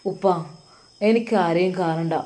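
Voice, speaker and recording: A woman voicing a quiet, heartbroken young man who talks in a soft, withdrawn way, with a Malabar accent. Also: on the low side, measured pace, close to an everyday voice. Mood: despairing. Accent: Malabar Malayalam.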